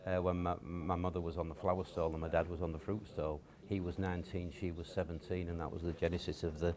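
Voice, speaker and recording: A man, a guest telling stories from his upbringing in a relaxed, hesitant way with many fillers. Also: low-pitched, fast talker, a crowd in the background. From Cottingham, near Hull, England. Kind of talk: casual storytelling interview.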